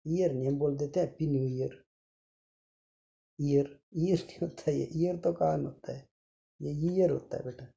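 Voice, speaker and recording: A man teaching an online grammar lesson to children, patiently repeating each sound and gently addressing his pupils. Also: fairly high pitch, fairly even intonation, normal speed, vocal fry, pauses often, muffled recording.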